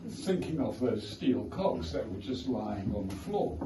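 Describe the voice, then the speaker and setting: In an echoey indoor art gallery, a recording picks up, distant and noisy, an author giving an informal talk to the crowd at his book launch. He has a South African accent and tells wry, wandering anecdotes. His mid-range voice is sing-song and measured.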